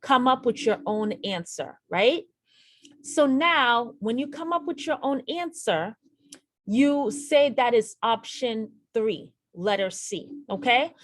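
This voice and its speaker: Speaking slowly in a fairly high, animated voice with no room sound, a woman leads a nursing exam lesson over screen share. She addresses viewers directly and restates key points for emphasis.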